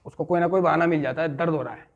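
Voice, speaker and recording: Man, addiction recovery teacher, story-driven lecture, repeats phrases, quizzes listeners, slightly high, dull recording. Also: fairly even intonation, rapid-fire. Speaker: addiction recovery class leader. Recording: muffled lo-fi recording.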